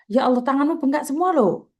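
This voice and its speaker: A woman's voice: high-pitched, lively intonation, brisk, darkish tone. A woman hosting a video call, soothing and urging a worker, repeating her words. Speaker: host advising migrant workers.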